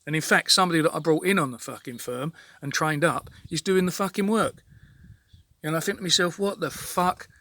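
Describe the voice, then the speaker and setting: A man's voice: on the high side, brisk, pushed and bright, dry recording. A man venting in an exasperated, sweary rant monologue to his own channel, repeating himself as he talks. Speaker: vlogger.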